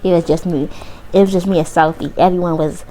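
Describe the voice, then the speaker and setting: A woman's voice: fairly low pitch, fairly even intonation, brisk, warm tone, natural voice. A woman voicing a teenage boy football player in a mock Southern accent, casual and backpedaling as he answers questions. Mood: defensive.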